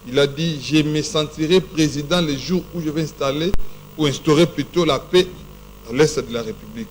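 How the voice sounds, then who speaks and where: A man's voice: on the high side, moderate pace, roomy sound, a little hiss or hum, rough recording. A man with a Congolese accent hosting a studio talk show, speaking emphatically and rhetorically. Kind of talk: studio talk show, mixing French and Lingala. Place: TV studio set.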